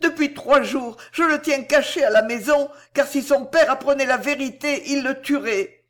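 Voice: mid-range voice, slow pace, voice pushed up, natural voice. A reader voicing a poor grieving mother who begs tearfully in a storybook reading. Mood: pleading, tearful. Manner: tearful, begging. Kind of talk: audiobook character voice.

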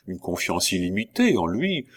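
A man voicing a curious, gossipy gentleman who asks teasing, prying questions in a read-aloud novel. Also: sits low, sing-song, moderate pace, husky, exaggerated voice. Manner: inquisitive and teasing.

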